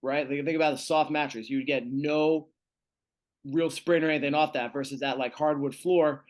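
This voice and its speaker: A man's voice: on the high side, fairly even intonation, normal speed. A man as strength coach giving a virtual seminar lecture, talking casually through slides with fillers, over a video call.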